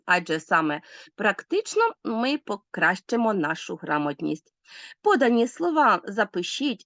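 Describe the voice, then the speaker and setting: Ukrainian teacher listing word endings. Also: female voice, medium pitch, fairly bright tone, no room sound, highs cut off. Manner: lists word forms one by one, stressing endings; addresses pupils directly with instructions. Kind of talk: recorded grammar lesson.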